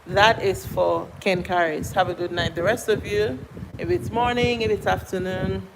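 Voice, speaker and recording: A Nigerian woman chats her way through a casual live stream, greeting viewers by name and answering their comments aloud. Her medium-pitched voice is steady, with vocal fry, at a normal speed. Passing traffic makes the background noisy.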